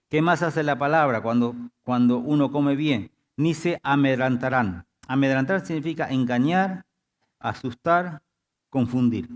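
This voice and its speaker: Man preaching a sermon with call-and-response. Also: medium pitch. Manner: repeats "diga" and "¿sí?" to engage the congregation. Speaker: pastor. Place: church.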